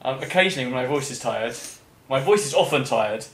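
A middle-aged man hosts a podcast, chatting casually in an interview style about working as an entertainer. His medium-pitched voice is a bit bright with lively intonation, and he speaks briskly in a roomy, echoing room.

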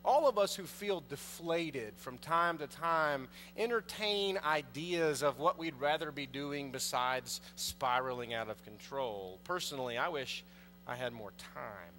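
A priest in his thirties delivers a conversational sermon from the pulpit of a large church, putting questions to the congregation. His mid-range voice is expressive, unhurried and a bit bright, with faint music behind. Captured by a pulpit mic and a distant camera, it carries long church reverb and a faint mains hum.

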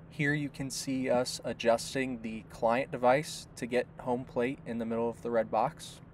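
Male tutorial narrator, middle pitch, plain step-by-step delivery, faint noise under the voice. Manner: steady, step-by-step explaining. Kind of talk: instructional voice-over.

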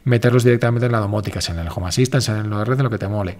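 A man's voice: lowish voice, very fast, a little mellow. A man hosting a casual live stream, answering viewer questions in a rambling, self-correcting, informal way.

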